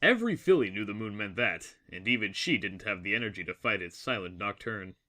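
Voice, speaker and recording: Telling a dramatic tale, a man speaks in a fairly low voice that carries a bright, forceful edge. He narrates in a measured, literary, solemn style, with lively intonation.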